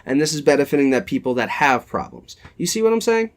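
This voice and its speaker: Young man, Jersey accent, lively pitch, relaxed and joking podcast co-host. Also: quick pace. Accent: New Jersey. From New Jersey. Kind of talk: casual chat.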